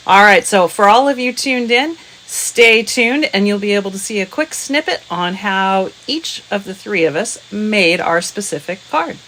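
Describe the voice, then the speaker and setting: A woman's voice: medium pitch, lively intonation, moderate pace, bright, forceful tone, a little hiss or hum, rough recording. A woman hosting a crafting show in a casual chat with friends. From US West Coast.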